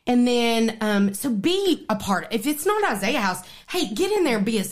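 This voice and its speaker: A woman on a faith-based radio program, talking casually and excitedly about her ministry with plenty of fillers. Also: a little high, normal speed. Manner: excited and animated, lots of fillers. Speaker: ministry guest. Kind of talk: casual interview conversation.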